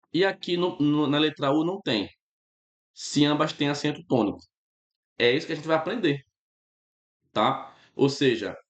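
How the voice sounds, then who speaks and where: A man with a Brazilian Portuguese accent gives a relaxed, casual grammar lesson and keeps checking in with his students. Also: mid-range voice, reverberant. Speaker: teacher.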